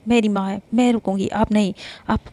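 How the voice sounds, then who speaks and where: A woman's voice: mid-range voice, steady tone, brisk, warm tone, dry recording, natural voice. A woman voicing a worried, defensive young woman. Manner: pleading, defensive. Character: young woman worried for her sick mother.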